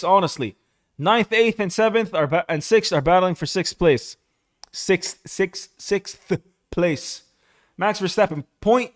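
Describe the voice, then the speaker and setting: A young man streaming live, giving casual, excitable commentary on a motor race and saying "bro" a lot. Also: high voice.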